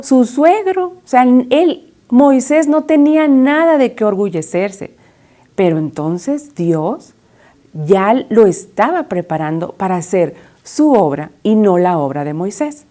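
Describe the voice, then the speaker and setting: A woman's voice: a little high, mellow. A woman with a Mexican Spanish accent, telling a Bible story to children as their teacher and asking them questions along the way.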